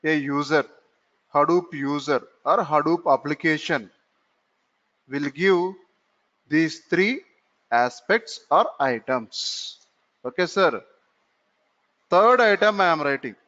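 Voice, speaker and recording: A man teaching a computer class, speaking slowly, repeating phrases and asking himself questions before answering them, in a classroom. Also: a little high, a bit bright. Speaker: computer course instructor. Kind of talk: classroom lecture. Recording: dull lo-fi recording in a reverberant room.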